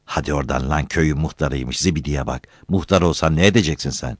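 A man's voice: very deep voice, quick pace, no room sound, studio quality. A man doing a surly barefoot village youth. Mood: defiant. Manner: blunt, insolent retorts. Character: poor barefoot young villager, defiant and surly.

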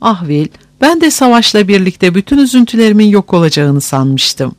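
A proud, desperate young plantation woman, read by a male narrator in an audiobook. The lines come out exclaiming and anguished, high and swooping, in a dry close sound. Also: very animated, moderate pace, no room sound.

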